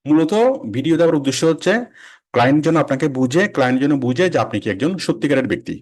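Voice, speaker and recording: Fast-talking male tutor. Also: mid-range voice, darkish tone. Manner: quick, repetitive, conversational teaching with many restarts. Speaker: freelancing instructor. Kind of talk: casual online class lecture.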